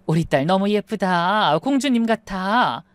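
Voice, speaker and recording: A woman playing a tearful, slow-spoken mother. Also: mid-range voice, animated, dry recording, close to an everyday voice. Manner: slow, tender, weepy speech. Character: tearful loving mother of the bride.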